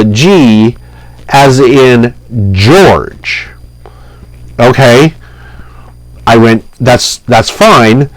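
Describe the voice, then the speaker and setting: Middle-aged male vlogger, slow halting delivery, dry close sound, casual rambling monologue. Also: mid-range voice, dry recording, poor audio. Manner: halting, rambling storytelling with many fillers and restarts. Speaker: vlogger translating scripture.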